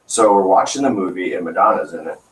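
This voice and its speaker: A man's voice: deep voice, lively intonation, fast. A man co-hosting an internet radio show in casual chat, rambling and joking with many restarts, recorded at a desk mic in a small studio. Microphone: desk radio microphone. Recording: roomy, distant from the mic.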